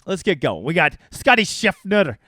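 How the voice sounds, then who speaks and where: Man, fantasy sports streamer, casual and crude, slightly high voice, dry sound. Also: normal speed, dry recording. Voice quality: crude, joking and animated. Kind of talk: casual livestream breakdown.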